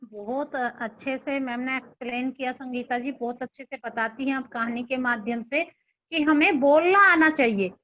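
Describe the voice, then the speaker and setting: Woman hosting an online meeting, very high voice, muffled video call sound, encouraging and prompting. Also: normal speed. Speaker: meeting host.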